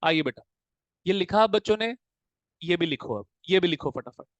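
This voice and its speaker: A male commerce tutor giving a classroom lecture, drilling students with quick call-and-answer questions in a fatherly way. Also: high-pitched, lively intonation, no echo, muffled recording. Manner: fatherly, calls students "beta". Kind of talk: classroom lecture mixing Hindi and English. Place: coaching classroom.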